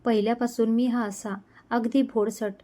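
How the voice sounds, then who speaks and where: A woman voicing a meek, gentle middle-aged uncle in a storybook reading, speaking apologetically. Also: fairly high pitch, little pitch movement, normal speed, lightly acted. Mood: apologetic. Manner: soft, apologetic.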